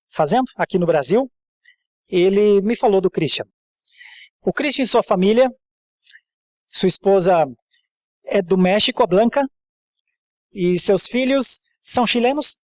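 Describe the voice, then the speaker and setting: A man's voice: high voice, a little slow, long pauses, dry recording. A man with a Brazilian accent speaking as a church leader, exhorting and introducing a guest, often repeating his phrases. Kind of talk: sermon and informal introduction.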